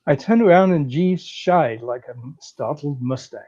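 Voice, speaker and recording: Man reading a comic story aloud, mellow. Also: on the high side, lively intonation, measured pace. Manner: breezy, chatty first-person storytelling. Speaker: story reader. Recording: slightly dull lo-fi recording.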